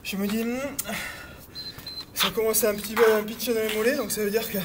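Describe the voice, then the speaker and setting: A man's voice: sits high, flat delivery, racing. A man coaching a cardio workout while doing it himself. He hesitates with many fillers, counts beats aloud, urges more speed and sounds a little out of breath. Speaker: fitness coach. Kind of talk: workout instruction while exercising. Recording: noisy recording with clicks.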